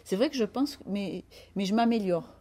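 Reflective woman in her fifties, mellow. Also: mid-range voice, lively intonation, normal speed, slight background noise. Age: 50s. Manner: reflective, searching for words. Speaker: author and interview guest. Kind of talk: interview conversation.

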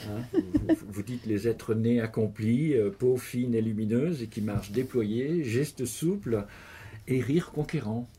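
A man interviewing an author, asking measured questions and reading passages aloud. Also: mid-range voice, dark tone, slight background noise.

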